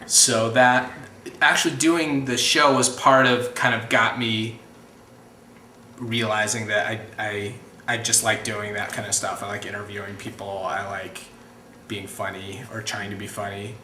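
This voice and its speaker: Playful man with a bright, ringing voice. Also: on the low side, flat delivery, unhurried. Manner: playful, rambling with many restarts. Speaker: interviewee. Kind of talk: casual interview. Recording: echoey room with faint noise.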